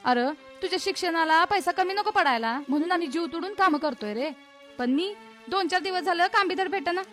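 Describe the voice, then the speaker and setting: A woman's voice: extremely high pitch, expressive, fairly quick, a bit bright, soft background music. An actress playing a worried poor village mother, nagging and anxious. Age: middle-aged.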